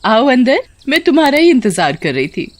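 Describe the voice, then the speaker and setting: A woman's voice: sits high, sing-song, moderate pace, voice pushed up. Woman voicing a fretful middle-aged mother. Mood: pleading.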